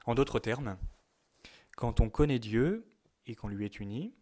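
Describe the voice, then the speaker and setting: A man delivering a religious teaching talk in a dark, mellow voice. He speaks in a measured way and leans hard on the words he wants to stress. He sometimes reads quotations aloud. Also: mid-range voice, animated. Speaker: teacher at a youth retreat.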